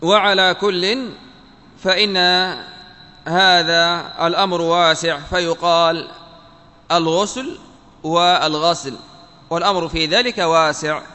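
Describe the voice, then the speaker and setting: A man with a rather high, bright and clear voice delivers a classical text commentary lesson. He speaks in measured, deliberate phrases, one piece at a time. The sound rings with a long hall reverb. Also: fairly even intonation. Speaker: religious teacher.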